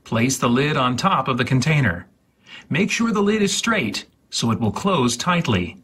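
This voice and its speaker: In a husky, breathy mid-range voice, this man hosts a dramatic, deliberate read-through of step-by-step directions. He exaggerates his enunciation, and his intonation is lively with a slightly bright tone.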